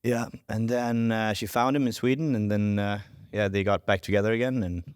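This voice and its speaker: Low-voiced man, relaxed chat. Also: normal speed, smooth, dry recording, clean studio sound. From Estonia. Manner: relaxed, rambling, playful. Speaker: podcast guest, actor. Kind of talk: casual interview chat.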